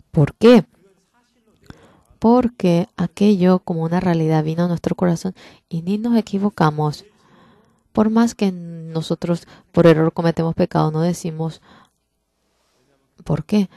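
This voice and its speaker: A woman with a low, gravelly voice delivers a sermon in interpretation. Her tone is dark and mellow, and she keeps putting rhetorical questions to the congregation. The sound is dry and close. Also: dry recording.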